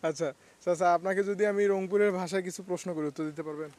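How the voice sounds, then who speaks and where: Fast-talking Bengali man interviewing outdoors. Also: high voice, steady tone, a little mellow. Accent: Rangpur Bengali. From Rangpur, Bangladesh. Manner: quick, teasing, laughs often. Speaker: street interviewer and vlogger. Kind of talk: casual street interview.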